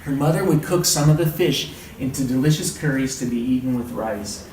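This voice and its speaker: During an indoor group training session, a man leads an interactive read-aloud, cheering listeners on conversationally and repeating their responses. His voice is mid-range and a little mellow, and he speaks fairly quickly. The room is audibly noisy, and the mic sounds distant and roomy.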